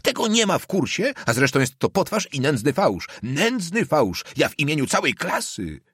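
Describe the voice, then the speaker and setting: A man voicing a defiant teenage schoolboy whose hoarse bass keeps breaking into falsetto, agitated and trembling. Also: sing-song, a little fast, no room sound, studio quality. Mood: indignant. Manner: agitated, shaking, brazen.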